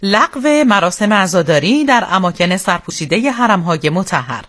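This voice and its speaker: A man's voice: high voice, animated, pushed and bright. A man with an Iranian accent reads a scripted radio news bulletin in a solemn, formal newsreader manner. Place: radio studio.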